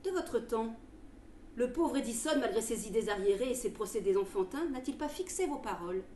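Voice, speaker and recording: A woman voicing a learned, gently condescending male doctor of the future in a theatrical story reading. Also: fairly high pitch, expressive, a little fast, distant mic, natural voice. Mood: gently lecturing. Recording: roomy with faint background noise.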